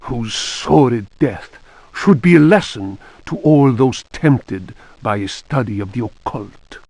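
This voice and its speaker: A man's voice: medium pitch, lively intonation, takes it slowly, a little mellow. A man playing a grave, ominous reader of occult books in a horror game, narrating with portentous, hammy bad acting. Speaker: narrator reading book titles in a video game. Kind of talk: theatrical scripted narration.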